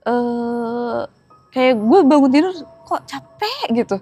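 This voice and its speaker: A young woman with a Jakarta accent casually recounting a story as a guest, chatty and laughing, often halting on fillers. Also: a little high, animated, dark tone, faint music behind. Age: young adult.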